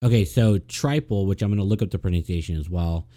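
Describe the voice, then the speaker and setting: A man's voice: low-pitched, fast, dark tone. A laid-back man, co-hosting a casual podcast chat, swearing often and using lots of fillers. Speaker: podcast co-host.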